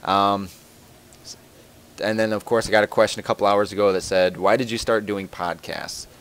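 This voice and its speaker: A young man with a fairly low voice chats casually on his own podcast. He rambles and jokes as he answers listener questions, full of fillers and false starts. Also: fairly even intonation, moderate pace, a bit bright, smooth. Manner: rambling, joking, lots of fillers and restarts. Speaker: podcast host.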